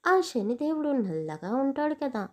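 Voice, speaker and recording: A woman's voice: high voice, sing-song, a little slow, darkish tone. A woman voicing a stern, angry young village man who scolds harshly in a storybook.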